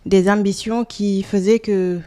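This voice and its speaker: A woman around forty from Senegal, answering interview questions in a hesitant, soft-spoken way with many pauses. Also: mid-range voice, fairly even intonation. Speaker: guest.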